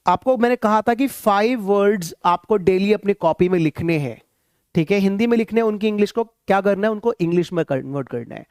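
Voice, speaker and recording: A man's voice: sits high, darkish tone, clean tone, dry recording, clean studio sound. A man teaching spoken English online, encouraging his students and repeating points often. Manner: repetitive, encouraging teacher mixing Hindi and English.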